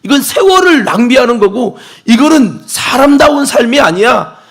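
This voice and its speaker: A man in the pulpit acting out a remorseful young son, with a high, strained voice, shouting and sobbing. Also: very animated, normal speed, breathy edge, heavily acted. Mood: desperate lament.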